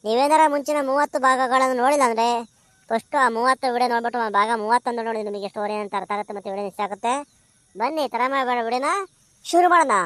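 A woman hosting her channel, opening the episode with a slow, friendly greeting to viewers. Her voice is high and bright, recorded dry. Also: no room sound. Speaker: channel host. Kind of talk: video intro to viewers.

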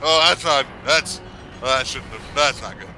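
A man's voice: medium pitch, lively intonation, normal speed, pushed and bright, a little hiss or hum. A man co-hosting a let's play, chatting casually and laughing often as he plays. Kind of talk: casual gameplay chat.

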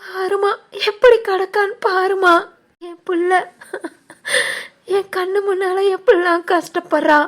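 A distraught village mother in a cartoon family drama, voiced by a woman, wailing and tearful. The voice is very high and thin, with a Tirunelveli Tamil accent. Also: monotone, measured pace, hardly any pauses. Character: grief-stricken middle-aged village mother.

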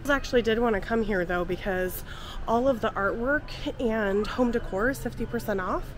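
A woman vlogger with a congested voice, gushing excitedly as she shops through busy stores on camera. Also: a little high, normal speed. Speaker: shopping vlogger host. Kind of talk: casual shopping vlog. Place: busy stores on a shopping day. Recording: crowd and store noise behind.

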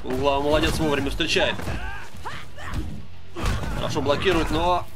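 Male esports-style host: lightly high-pitched, informal, excitable live game commentary over clear background music. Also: moderate pace. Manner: excitable, informal, addresses viewers as friends. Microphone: voice-over over game audio. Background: game music and fight sounds.

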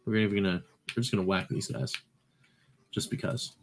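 A man's voice: lowish voice, steady tone, fairly quick, gravelly, noisy background. Guy hosting retro game videos, chatty rambling commentary, keeps correcting himself, goofy little asides. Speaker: retro game channel host. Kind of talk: casual gameplay commentary.

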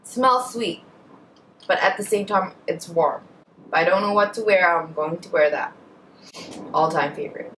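Chatting casually to camera in her bedroom, a young Indonesian woman with an Indonesian accent answers a beauty tag, correcting herself and drifting off into asides. She speaks at a moderate pace in a lowish voice, leaving long pauses. The camera is a short distance in front, but she sounds distant against a noisy background.

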